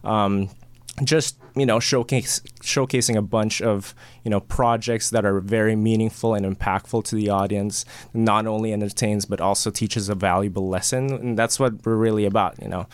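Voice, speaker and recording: Low, smooth-voiced man telling his story. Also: moderate pace, dry recording. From Philippines. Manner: relaxed, uses many "you know" fillers. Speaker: guest, film editor. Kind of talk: casual interview chat.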